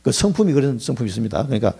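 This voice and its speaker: A man's voice: mid-range voice, big pitch swings, racing, vocal fry, warm tone, slightly rough. A middle-aged male pastor giving a conversational sermon, telling stories with chuckling asides.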